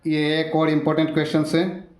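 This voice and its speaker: A man's voice: on the high side, monotone, brisk. Echoey male teacher, repeats himself. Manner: repeats himself, coaxing viewers to stay. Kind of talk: exam-prep lesson for students. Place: roadside coaching centre room. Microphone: no microphone, device's built-in mic. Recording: echoey room without a microphone. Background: occasional road traffic.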